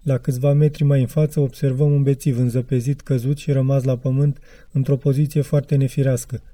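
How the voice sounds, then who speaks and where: A male reader narrating a literary audiobook in a measured, reflective manner. His voice is very dark and mellow. It is recorded close and dry. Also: medium pitch, flat delivery, no room sound.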